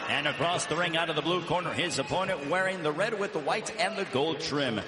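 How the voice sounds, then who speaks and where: A man working as a boxing ring announcer, with lucha libre flourishes and drawn-out, shouted names. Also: fairly high pitch. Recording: echoey arena with loud crowd.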